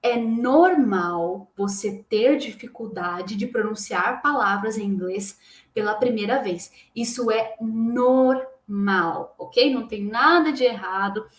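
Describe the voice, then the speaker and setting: A young Brazilian woman with a Brazilian Portuguese accent, teaching an English pronunciation lesson in a lively, encouraging way and talking straight to the viewer. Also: fairly high pitch, slow pace. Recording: echoey room.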